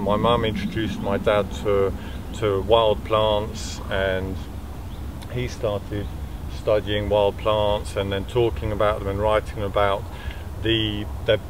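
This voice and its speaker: A man in his thirties, from Belgium, talking casually and hesitantly with many fillers while walking through the countryside valley. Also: on the low side. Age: 30s. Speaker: furniture maker. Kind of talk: outdoor walking vlog. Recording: noisy outdoor recording.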